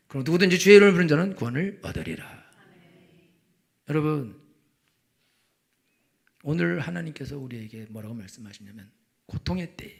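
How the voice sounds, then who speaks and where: Gravelly high-voiced Korean pastor preaching. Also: male voice. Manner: rhetorical questions, rising to loud preaching. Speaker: senior pastor. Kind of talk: Sunday sermon. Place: church sanctuary.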